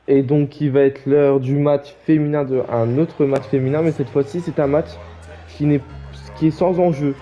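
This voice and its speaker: A man's voice: fairly high pitch, warm tone. A man commentating a wrestling game casually, rambling and joking with many fillers.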